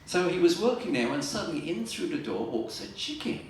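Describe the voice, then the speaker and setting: An older man doing stand-up comedy at a live fundraiser, telling dry jokes with pauses and fillers. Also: fairly high pitch, sing-song. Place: library fundraiser event room. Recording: echoey room from far off, noisy.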